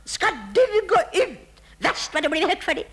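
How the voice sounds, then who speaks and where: A woman's voice: very high voice, lively intonation. An actress playing a nagging housewife who scolds her husband nonstop in a vintage radio comedy sketch. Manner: nagging, reproachful, theatrically wounded. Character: nagging middle-aged housewife, shrill and endlessly scolding.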